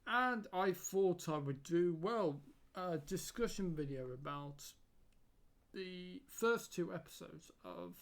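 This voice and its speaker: A YouTube reviewer talks casually through his review, hesitating with many fillers and repeated words as he loses his voice. His voice is high-pitched and slow.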